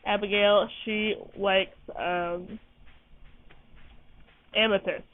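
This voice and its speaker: A woman's voice: mid-range voice, steady tone, very slow. Tired, chatty gaming woman. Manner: chatty, rambling, apologetic. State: tired, yawning. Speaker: gaming channel host. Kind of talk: casual let's-play commentary. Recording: tinny phone-like audio, faint music.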